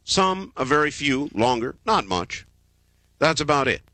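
Smooth-voiced male radio host, bright and lively. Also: on the high side, no room sound. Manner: smooth radio host delivery, calm and measured, leaning into repeated phrases. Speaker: radio call-in show host. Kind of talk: late-night call-in radio talk. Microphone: studio broadcast microphone.

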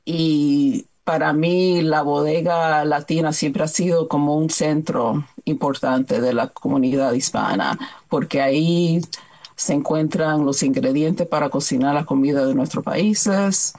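Husky woman, children's book author. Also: deep voice, slow pace, darkish tone. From New York. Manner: thoughtful, searching for words. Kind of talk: radio interview.

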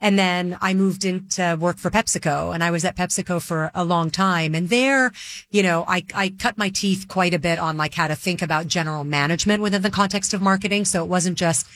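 A middle-aged marketing executive from Dubai in the Middle East answers a host's questions as a guest, talking quickly and chattily with plenty of "like" and "you know." Her voice is fairly low in pitch with a fairly bright tone.

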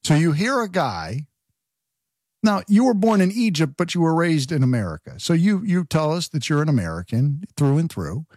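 Brief: male talk radio host, husky mid-pitched voice, sarcastic and chatty, dry close sound. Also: very animated, normal speed, a little mellow, no room sound. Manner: conversational and sarcastic, asks listeners questions. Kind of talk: political talk radio commentary.

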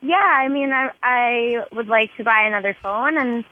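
A woman's voice: on the high side, normal speed, crowd noise. A young woman heard over a telephone line, evasive and pleading as she stalls for time. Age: young adult. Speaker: daughter on a prank collect call. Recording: tinny phone line.

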